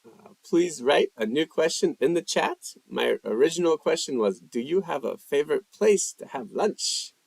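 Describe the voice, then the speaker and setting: Reading viewers' chat questions aloud on his language livestream, a male host answers casually, using fillers. A native English speaker, he sounds slow and gravelly with a lively pitch, keeping an unhurried manner. The recording is dry.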